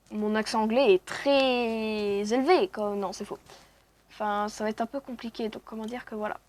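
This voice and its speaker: A woman with a high-pitched voice narrates her game as she plays. She talks casually, mocks herself and fills pauses with quick asides. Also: a little mellow. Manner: chatty, self-mocking, lots of "voilà" fillers. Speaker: let's play host. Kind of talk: casual gaming commentary.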